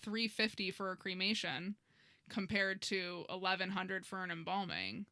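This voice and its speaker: A woman's voice: mid-range voice, expressive, normal speed, sharp tone, clear, resonant tone, no echo, studio quality. A woman co-hosting a podcast who talks in an earnest, reflective way, thinking aloud with fillers. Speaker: podcast co-host, embalmer. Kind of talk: casual podcast conversation.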